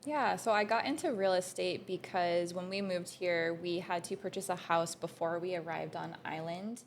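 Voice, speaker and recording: A woman's voice: fairly low pitch, a little hiss or hum. A young woman from Canada, a realtor being interviewed on a podcast, talking earnestly and conversationally. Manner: earnest, conversational, quick short agreements. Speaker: realtor guest.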